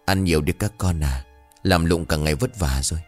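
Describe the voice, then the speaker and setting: A man's voice: brisk, darkish tone, soft background music, lightly acted. A man voicing a frail old village mother who cries out in terror after a nightmare, in a ghost story reading. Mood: doting. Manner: shrill, frantic cries.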